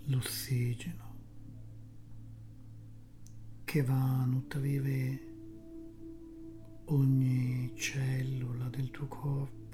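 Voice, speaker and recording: A soft, breathy, half-whispering voice guiding a relaxation meditation soothingly, in short phrases with long pauses. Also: mid-range voice, completely flat delivery, music in the background. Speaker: guided meditation narrator.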